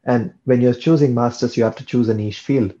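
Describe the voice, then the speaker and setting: A young Indian man whose first language is Tamil, a PhD student, chats casually as an interview guest about his studies, often repeating words while he thinks. His voice is medium-pitched, steady, brisk and warm, on lo-fi audio.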